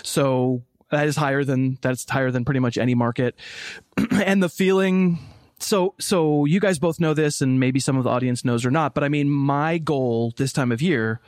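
A man appearing as a guest on a podcast, talking in an animated way with quick, self-deprecating asides. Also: mid-range voice, dry recording, studio quality. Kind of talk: casual chat.

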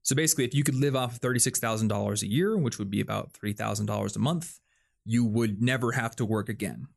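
With a lowish voice, vocal fry, and a quick pace, a young podcast host chats informally. His talk is full of fillers and restarted sentences as he thinks aloud.

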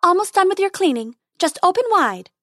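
A woman voicing a brave, brisk female tooth fairy who works as a dentist. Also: extremely high pitch, very animated, fairly bright tone, pitched above the performer's own voice, full character voice.

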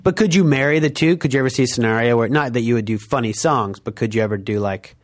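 A man's voice: mid-range voice, fast. Male host, casual chat, drops dry jokes between questions. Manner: joking, wry asides. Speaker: podcast host. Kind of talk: casual podcast conversation.

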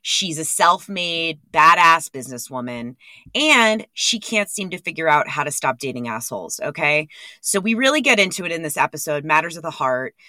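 A woman's voice: low-pitched, lively intonation, normal speed, bright, forceful tone, no room sound, studio quality. A woman hosting a podcast, talking candidly and rambling with casual swearing. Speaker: podcast host. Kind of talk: candid monologue.

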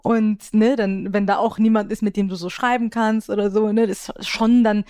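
A woman's voice: mid-range voice, level tone, normal speed, dark tone, clean tone, no room sound, studio quality. A woman hosting a podcast, chatting casually and openly, with frequent restarts and laughs. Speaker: podcast host. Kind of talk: casual chat.

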